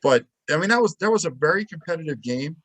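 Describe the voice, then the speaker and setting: A man co-hosting a sports podcast, telling game stories in a lively, casual way and acting out what people said. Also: fairly high pitch, fast. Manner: animated storytelling, acts out quotes. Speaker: podcast co-host.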